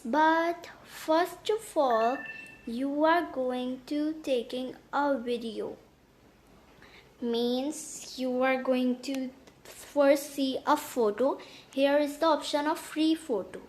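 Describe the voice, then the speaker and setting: A woman hosts a step-by-step tutorial in a high voice. She goes slowly, with halting phrasing that often repeats itself as she explains each step. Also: darkish tone. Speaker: tutorial host. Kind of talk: step-by-step app tutorial narration.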